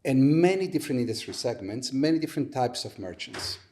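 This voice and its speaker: A man at a middle pitch explains his startup's business model as a podcast guest. He talks methodically and builds each point on everyday buying examples. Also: animated, brisk, mellow, a little hiss or hum.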